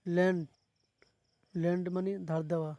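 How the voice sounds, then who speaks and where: A man's voice: high-pitched, little pitch movement, moderate pace, background noise. A man with a Bangladeshi accent teaching a lesson, repeating each word and explaining its meaning plainly. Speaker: English teacher. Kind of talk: classroom lesson on verb forms.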